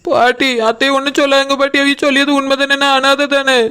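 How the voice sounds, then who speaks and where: Cartoon young wife, voiced by a woman, meek and tearful, high and monotone. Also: fast. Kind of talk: cartoon voice acting.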